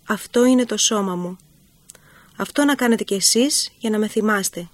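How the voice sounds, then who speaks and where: A woman reading the words of Christ as a gentle, grave man, in slow, solemn, measured speech. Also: medium pitch, no room sound, natural voice.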